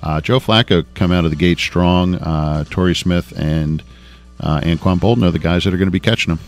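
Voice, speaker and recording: Deep-voiced blunt male radio co-host. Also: a little fast, soft background music. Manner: blunt, opinionated, repeats words. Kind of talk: casual radio sports talk.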